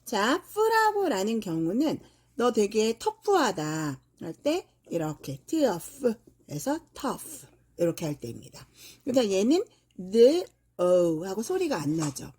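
A middle-aged woman gives an English pronunciation lesson at an unhurried, patient pace, stretching out each example word. Her pitch rises and falls in a lively way. Her voice is dark and slightly husky. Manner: slow, patient explaining with fillers and drawn-out example words. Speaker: English teacher.

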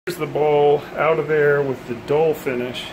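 His voice sits fairly high, with fairly even intonation and a measured pace, against some background noise. In his indoor home kitchen, this thirty-something bowling hobbyist vlogger casually demos a homemade gadget, filming on a phone at arm's length and thinking aloud with many ums and uhs.

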